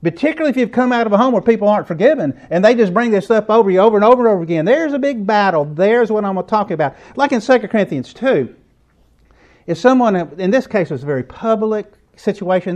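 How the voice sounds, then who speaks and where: A man's voice: sits high, expressive, fast, a little mellow. A middle-aged man preaching a sermon lesson, conversational and asking his listeners questions. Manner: conversational, asks the audience questions.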